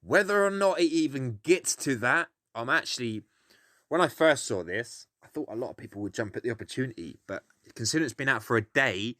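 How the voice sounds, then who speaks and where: A man's voice: mid-range voice, animated, brisk, sharp tone, no room sound, studio quality. A British man explaining a game in a casual, grumpy, grumbling way, blunt and sweary as he gives his opinions. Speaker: gaming video host.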